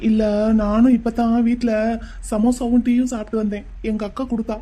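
A woman voicing a gentle, teasing young husband in a cartoon story, with a brisk manner. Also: a little high, level tone, lightly acted. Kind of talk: Tamil cartoon voice acting.

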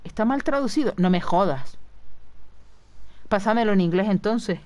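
Young woman streamer, lively pitch, swears and shouts at enemies. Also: normal speed. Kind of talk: live gameplay commentary.

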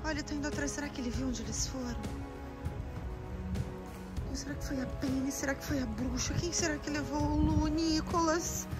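High-voiced Brazilian woman vlogging over music. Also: moderate pace. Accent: Brazilian Portuguese. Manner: playful, dramatic, exclaiming. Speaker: family vlogger. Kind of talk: casual vlog talking to camera. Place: outdoors by the water and streets.

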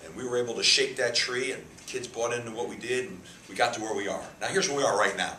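With a mid-range voice, pushed and bright, he moves at a quick pace. He is a head football coach in his fifties responding at a press conference, gesturing and emphatically repeating words. Table mics clustered in a press room with a sponsor backdrop record him, with echo and faint hiss.

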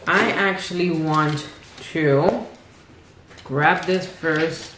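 A woman co-hosting a casual food vlog, talking excitedly to viewers and calling them y'all. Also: sits low, very slow, reverberant, a little hiss or hum. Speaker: channel co-host. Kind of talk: casual mukbang vlog chat.

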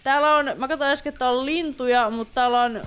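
A woman's voice: high-pitched, fairly even intonation, a bit bright, slight background noise. A woman giving casual let's play commentary on a horror game, chatty and easily startled. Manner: chatty, easily startled, mixes English exclamations. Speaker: gaming YouTuber.

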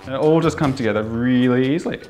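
Quick-talking young man. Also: medium pitch, over music. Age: young adult. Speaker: vlogger demonstrating a painting tutorial. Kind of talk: casual instructional vlog.

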